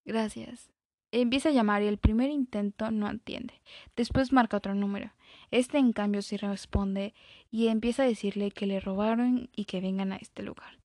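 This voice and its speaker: A woman reading a first-person story aloud, dramatic and expressive, dropping into whispers now and then. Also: medium pitch, normal speed, no room sound, clean studio sound.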